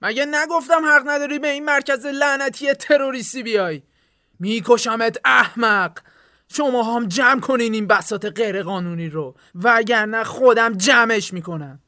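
A woman voicing an angry, violent young man who shouts threats. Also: medium pitch, steady tone, dry recording, studio quality, lightly acted. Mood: furious.

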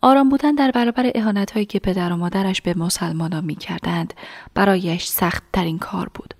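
A woman narrating a story in a soft, half-whispered reading voice. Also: medium pitch, dry recording, clean studio sound.

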